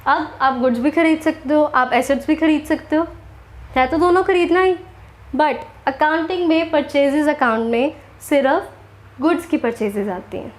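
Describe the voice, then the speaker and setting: A young woman with an Indian accent teaching accounting, explaining slowly and asking her class questions that she then answers herself. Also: high-pitched. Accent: Indian English. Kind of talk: classroom lecture.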